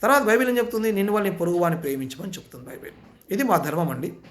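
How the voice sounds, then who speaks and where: High-voiced man preaching insistently. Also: very fast. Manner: insistent, repetitive rhetorical questions. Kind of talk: impassioned sermon.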